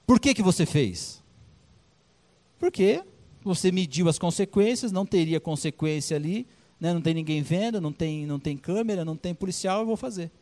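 A man's voice: on the high side, animated, moderate pace, darkish tone. A man preaching a sermon in a conversational way, explaining verses with everyday examples and casual slang.

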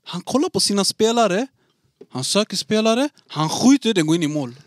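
A man's voice: sits high, big pitch swings, dry recording. A young man co-hosting a podcast, teasing the others and steering the chat back on track. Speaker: podcast co-host. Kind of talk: casual chat.

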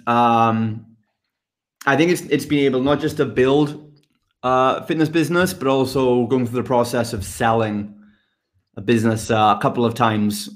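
A middle-aged man from the UK speaks with quick, energetic enthusiasm at a middle pitch. He answers the questions of a podcast interview briskly and sounds fired up about his work. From United Kingdom. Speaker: guest, fitness business mentor.

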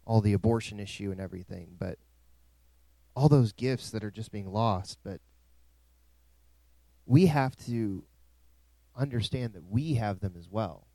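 A man's voice: on the low side, measured pace, pauses often, warm tone, no echo. A male pastor preaching a sermon in a dry, close recording, with emphatic rising swells.

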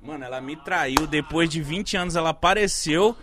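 A man in his thirties chatting casually, telling a story in an animated way, swearing often and acting out what people said. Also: fairly high pitch, normal speed, a crowd in the background. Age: 30s. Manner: animated storyteller, swears a lot, acts out quoted lines. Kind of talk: casual chat.

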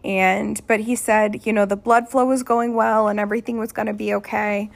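A woman's voice: mid-range voice, level tone, moderate pace, creaky. A woman podcast host casually telling a candid personal story, chatty and rambling, restarting her sentences as she goes.

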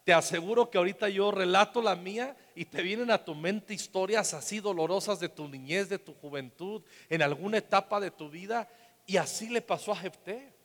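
A man with a Mexican Spanish accent preaching a sermon as pastor, telling a personal story and often dropping to a soft, hushed voice. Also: high voice, a little fast. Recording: long hall reverb.

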